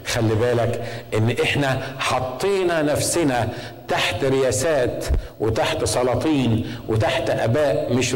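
A middle-aged Egyptian pastor preaching at a brisk, rapid clip, talking with the congregation and checking they follow. His voice sits in a mid register and carries a long reverb from a church hall. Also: medium pitch, a little mellow. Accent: Egyptian Arabic. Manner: conversational, asks the congregation questions. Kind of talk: sermon.

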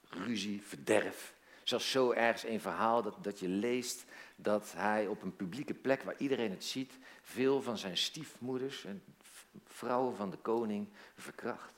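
A man's voice: lowish voice, measured pace. A man preaching a sermon as pastor, telling a story and engaging listeners with questions, often repeating words as he goes.

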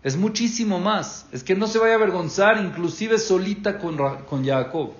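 Male rabbi, slightly high voice, quizzes the class, muffled lo-fi take. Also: lively intonation, moderate pace. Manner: questions the class and acts out the figures' words. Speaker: rabbi teaching a Torah class. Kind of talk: interactive religious lesson. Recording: dull lo-fi recording.

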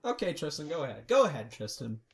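A man's voice: a little high, big pitch swings, fast talker, gravelly. A man co-hosting a casual film review podcast, teasing his friends and swearing freely. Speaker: podcast co-host.

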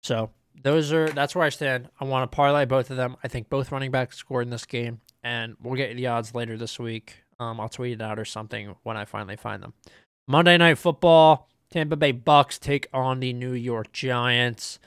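Fast-talking casual young man. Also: mid-range voice, fairly even intonation, a bit bright, smooth, no room sound, studio quality. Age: young adult. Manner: fast, casual, with frequent ums. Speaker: podcast host. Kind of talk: solo sports betting picks rundown.

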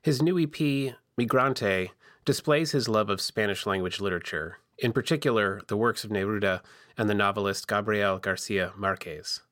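A man's voice: lowish voice, normal speed, a bit bright, clean studio sound. Man narrating a podcast, with basement echo. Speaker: podcast host. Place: home basement with a makeshift foam vocal booth. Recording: roomy basement echo in makeshift booth.

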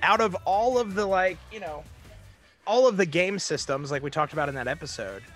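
High bright-voiced chatty podcast guy. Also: animated, brisk, soft background music. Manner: rambling, filler-heavy, laughs easily. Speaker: podcast co-host. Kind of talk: casual chat.

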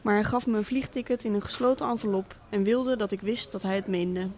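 A woman reading a literary monologue as a cynical, wealthy absent father, speaking in a dry, deliberate, sardonic way. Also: mid-range voice, darkish tone, lightly acted. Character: cynical rich middle-aged father, absent tycoon.

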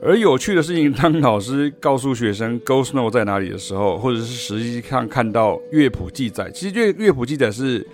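A man with a Taiwanese Mandarin accent teaching jazz in a podcast lesson. His voice sits at a middle pitch, and he explains ideas by scatting rhythm syllables. Soft music plays faintly behind him. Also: lively intonation, brisk, few pauses. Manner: explains through sung rhythm syllables and examples.

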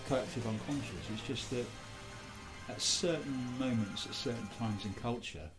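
A man's voice: lowish voice, poor audio. Man musing on a podcast. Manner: discursive, musing. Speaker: podcast host. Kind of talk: casual cultural commentary.

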